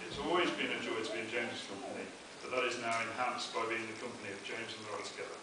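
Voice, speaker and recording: A man's voice: medium pitch, steady tone, racing. A young man telling anecdotes in a prepared best man's speech at a wedding. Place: inside a wedding venue, speaking to guests. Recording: very echoey, noisy, distant event recording.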